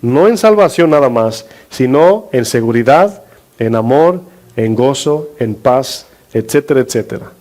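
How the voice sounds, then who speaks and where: A man's voice: mid-range voice, animated, a little slow, a little mellow. Spanish-speaking pastor preaching to his congregation. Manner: asks the congregation questions and drags out key words for emphasis. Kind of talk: sermon.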